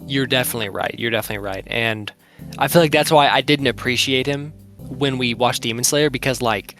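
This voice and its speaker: A man's voice: medium pitch, fairly quick, vocal fry, fairly bright tone. Young male co-host, loose filler-laden delivery, faint background music. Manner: rambling, heavy use of "like" fillers. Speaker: podcast co-host. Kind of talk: casual anime review chat.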